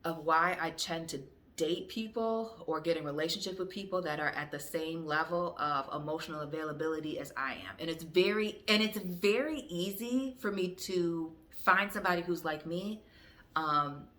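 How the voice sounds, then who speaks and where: A woman's voice: deep voice, moderate pace, a bit bright. A young adult woman vlogger talking candidly to the camera, frank and direct, with fillers and restarts. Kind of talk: candid reflective talk to camera.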